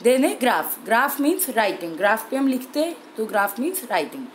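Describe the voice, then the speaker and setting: A young woman teacher explaining an exam-prep language lesson clearly and steadily, slowing down on key terms. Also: on the high side, very animated, slight background noise, poor audio.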